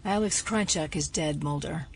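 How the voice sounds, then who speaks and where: In an audio drama, an actress portrays a level-headed, sceptical FBI investigator, delivering her lines in a measured, serious way. Her female voice is deep, creaky and husky, with an exaggerated quality.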